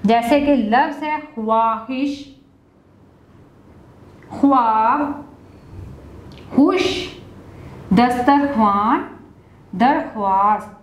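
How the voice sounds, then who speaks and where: Female teacher, Pakistani Urdu accent, higher voice, patient drawn-out spelling, echoey lo-fi room. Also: slight background noise. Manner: slow, drawn-out word-by-word spelling. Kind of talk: children's reading lesson. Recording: echoey room, dull lo-fi audio.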